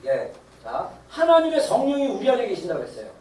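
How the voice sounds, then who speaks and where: Animated pastor in a roomy church. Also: mid-range voice, fairly quick, a crowd in the background. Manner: animated, acts out quoted voices; laughs while preaching. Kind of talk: Sunday sermon. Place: church sanctuary. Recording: roomy echo, distant mic, faint ambience.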